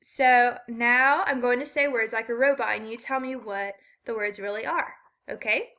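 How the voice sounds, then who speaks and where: A woman's voice: on the high side, fairly even intonation, normal speed, sharp tone, lo-fi sound. A woman walking through a children's reading assessment step by step, with frequent ums. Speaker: student teacher explaining an assessment.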